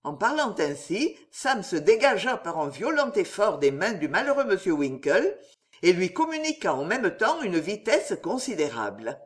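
Woman audiobook narrator, lively pitch, measured, expressive storytelling. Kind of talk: scripted narration.

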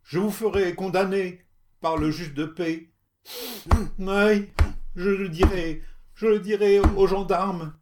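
Man doing a sad old country woman crying out, high pitched, pleading. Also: steady tone, slow pace, noisy background. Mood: wailing. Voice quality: wailing, plaintive.

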